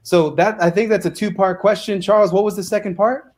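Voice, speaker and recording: Hyped, slangy young man, fairly high voice. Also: brisk. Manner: energetic, slangy, says bro and dude a lot. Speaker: guest, real estate investor. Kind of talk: casual interview talk.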